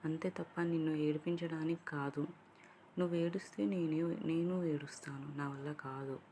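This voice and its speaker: Woman narrator doing a caring young boyfriend, tender and low-voiced, faint hiss behind. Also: fairly even intonation, moderate pace. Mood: pleading. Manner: soft, pleading and tender. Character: gentle caring young man, the lover.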